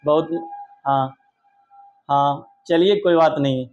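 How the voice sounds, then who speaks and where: High-voiced teacher coaxing young pupils. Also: male voice, fairly even intonation, takes it slowly, highs cut off. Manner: affectionate, coaxing, calls pupils "babu", praises loudly. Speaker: English teacher. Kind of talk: online classroom lesson for children.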